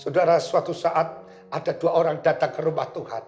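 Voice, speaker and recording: A pastor preaches in a high voice, telling stories with lively energy. The church room is reverberant, and faint music plays underneath. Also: male voice, fairly quick. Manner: animated storytelling, acting out voices. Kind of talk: sermon.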